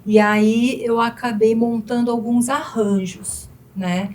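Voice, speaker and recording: A woman's voice: fairly high pitch, fairly even intonation, slow pace, a little mellow. Brazilian woman, piano teacher guest, casual chat, lots of fillers. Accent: Brazilian Portuguese. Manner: chatty, frequent fillers like "né".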